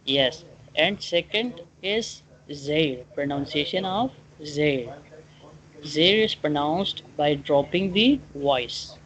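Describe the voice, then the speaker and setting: A Quran teacher giving a one-on-one online lesson, explaining and drilling pronunciation haltingly, repeating points and often checking understanding. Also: medium pitch, expressive, fairly bright tone. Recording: dull lo-fi online call, clear background noise.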